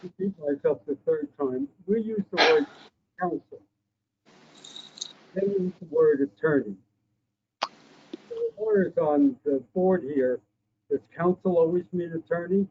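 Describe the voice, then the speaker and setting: A man's voice: high-pitched, very animated, unhurried, creaky, pauses often. A man, a board member, asking a question in a virtual meeting and repeating himself. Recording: thin phone-like call audio with faint hiss.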